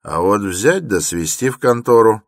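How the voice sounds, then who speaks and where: A man's voice: on the low side, lively intonation, moderate pace, dry recording, studio quality, voice pushed up. A man voicing a meddling, nosy male townsman in a narrated story who keeps insisting and egging others on. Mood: pushy.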